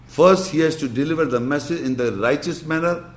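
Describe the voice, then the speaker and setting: A man's voice: fairly high pitch, a little fast, roomy sound. A man preaching a sermon, speaking emphatically and reciting scripture in chanted Arabic, his voice climbing when he quotes. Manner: emphatic, voice rising sharply when quoting.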